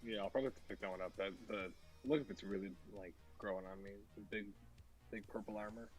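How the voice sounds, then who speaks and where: A man's voice: fairly low pitch, fast talker, soft background music. A man chatting casually while building a model kit, swearing freely and rambling. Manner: loose, profane, rambling. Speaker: guest builder on a stream. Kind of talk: casual chat.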